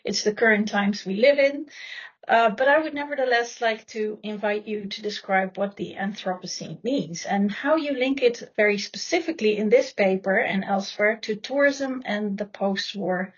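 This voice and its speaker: Woman, podcast host, breathy, formal measured delivery, dull lo-fi sound. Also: mid-range voice. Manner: formal, measured intro and questions. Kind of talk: podcast interview.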